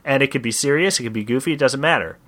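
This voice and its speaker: A man co-hosting a casual podcast, playfully pitching ideas and laughing along. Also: racing, fairly bright tone. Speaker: podcast co-host. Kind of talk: casual chat.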